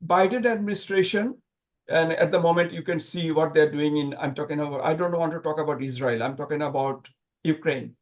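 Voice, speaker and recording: Man, high voice, animated, sarcastic, stumbling restarts, interview guest. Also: fairly quick. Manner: animated, repeats himself with many restarts. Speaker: guest commentator.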